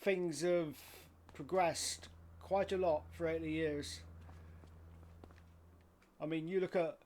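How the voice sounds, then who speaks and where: A man's voice: a little high, steady tone, slow, a little mellow. A man with a blokey, matey way of talking, giving casual livestream commentary on a game. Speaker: live streamer.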